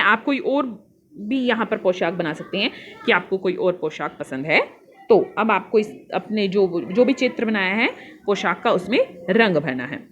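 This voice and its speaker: A woman's voice: medium pitch, lo-fi sound, slight background noise. Patient woman teacher explaining a worksheet. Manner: patient, spells out answers and addresses pupils as beta. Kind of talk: worksheet tutorial for young children.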